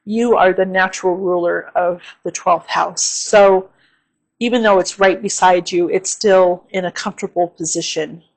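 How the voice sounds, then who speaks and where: The poor audio captures a woman whose voice is fairly low, fairly even, slightly hoarse and tired as she presents an astrology forecast on her own channel. She keeps it casual and unhurried, often saying "um" and checking in with "okay?".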